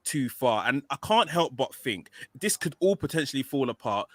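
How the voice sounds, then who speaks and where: A man with a British accent in casual podcast chat, animated and quick to restart his sentences. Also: medium pitch, no room sound, clean studio sound. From Nigerian heritage, raised in Britain. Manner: animated, fast restarts and repeats. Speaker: podcast co-host.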